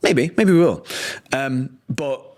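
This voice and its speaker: A mellow, mid-range male voice belongs to a man in his thirties who co-hosts a casual business podcast. He talks quickly and chattily, with plenty of banter, lots of fillers and frequent restarts.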